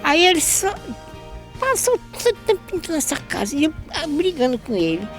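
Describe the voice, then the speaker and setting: A woman's voice: sits high, wildly swooping pitch, fairly quick, music in the background. An older woman from northeastern Brazil giving an emotional religious testimony about her son, often repeating herself and quoting others.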